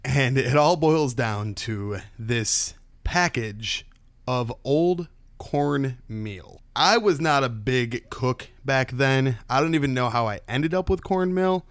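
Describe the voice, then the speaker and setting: A man's voice: medium pitch, lively intonation, slow, fairly bright tone, no echo. A male podcast host with a casual storyteller's delivery. He talks in a folksy, conversational way and likes to draw out the suspense. The sound is dry, with very little room on it.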